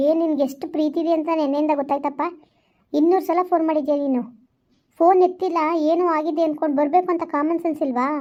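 A hurt, jealous young woman, played by an actress, scolding in quick, high bursts. Her tone is reproachful and stubborn. The sound is dull and lo-fi, as in a homemade village skit. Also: natural voice. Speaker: amateur skit actor. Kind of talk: village vlog skit acting.

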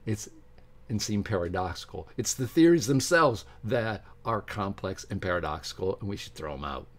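In an indoor home study with bookshelves, an older male video host and science commentator reads from a book and riffs on it informally. He speaks at normal speed in a fairly low voice, animated and emphatic, with frequent asides.

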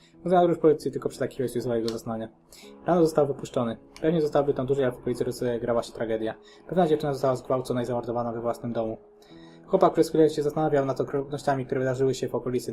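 A man narrating a dark story in a quick reading voice. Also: mid-range voice. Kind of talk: scripted narration of a horror story. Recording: faint guitar music behind.

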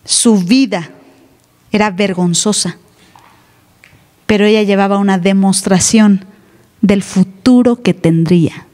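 A woman's voice: mid-range voice, takes it slowly, pauses often, darkish tone. A woman pastor, preaching an emphatic, teasing sermon in church. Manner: emphatic, teasing, plays other voices. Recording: live church hall reverb.

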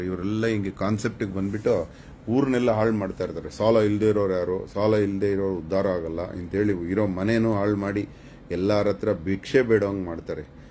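A man's voice: sits low, dark tone, a little hiss or hum. A man hosting a live stream, lecturing his viewers in a preachy, scolding and mocking way. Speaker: channel host giving advice on a live stream.

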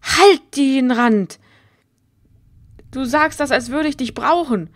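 A bossy, bratty young girl who snaps back and talks down to others, read out by a woman in a fairly high voice. She is haughty and quick to bark orders in this read-aloud game dialogue. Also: a bit bright. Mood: scornful. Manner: snappish and haughty.

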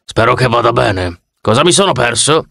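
A man's voice: mid-range voice, animated, normal speed, creaky, pushed and bright, no room sound, clean studio sound, full character voice. A man voicing a friendly young male satyr who talks in a mild, matter-of-fact way, in an audiobook. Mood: easygoing.

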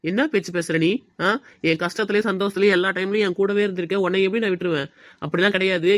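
A man's voice: sits high, a bit bright, no echo, clean studio sound. A man playing a hopeful young film writer. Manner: friendly banter. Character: young men, struggling film hopefuls, hopeful and close friends. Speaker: aspiring screenwriter and friend characters. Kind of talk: web drama dialogue.

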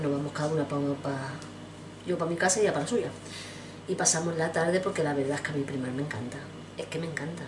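A woman with a deep, low voice chats to camera at home. She rambles from topic to topic and addresses her viewers fondly. A steady background noise runs under the whole recording. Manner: rambling, chatty, affectionate, addresses viewers directly. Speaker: vlogger. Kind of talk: casual chat to camera.

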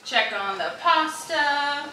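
A woman's voice: high-pitched, lively intonation, takes it slowly. A young woman casually narrating a cook-along in her home kitchen, chatty and thinking aloud as she goes. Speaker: cooking vlogger. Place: home kitchen with sizzling pan. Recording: echoey kitchen, faint noise.

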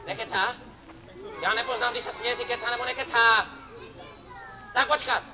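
High-voiced clown teasing a crowd. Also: male voice. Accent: Czech. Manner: playful, teasing banter with kids and audience. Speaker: street clown performer. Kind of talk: outdoor clown show for children. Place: outdoor festival stage before a crowd. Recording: lively crowd behind.

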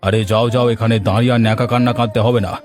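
A man's voice: medium pitch, little pitch movement, very fast, darkish tone, faint music behind, natural voice. A man voicing a bitter, scornful old father-in-law. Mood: scolding. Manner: harsh, scornful. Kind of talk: cartoon voice acting.

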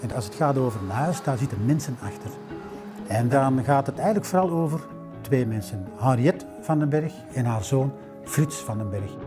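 A man in his fifties with a Flemish accent, a museum director, recounts a collector's history in a documentary interview. His medium-pitched voice is animated yet unhurried and storytelling, with occasional "eh" fillers, recorded on a lapel mic in a library room over music.

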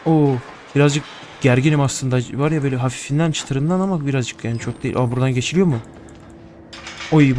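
A man's voice: medium pitch, a little mellow, a little hiss or hum. A young man giving casual horror gameplay commentary, nervous and joking, swearing often as he plays. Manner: jittery, profane, joking to himself. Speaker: gaming streamer.

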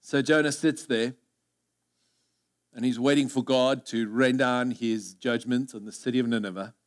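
A pastor in his thirties, a native Afrikaans speaker with a South African accent, preaches earnestly on a church stage through a headset mic. His medium-pitched voice has fairly even intonation and moderate pace, shifting between loud emphasis and hushed asides.

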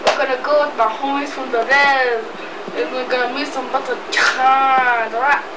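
A woman's voice: high-pitched, steady tone, normal speed, echoey room, distant mic, heavy background noise. Woman goofing around on an old VHS tape. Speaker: pretend guest and ad announcer. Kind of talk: playful home video skit.

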